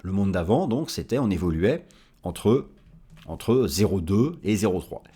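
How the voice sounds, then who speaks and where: A man's voice: sits low, very animated, a little slow, warm tone, husky. A man giving market commentary as an analyst, explaining charts and speaking directly to viewers.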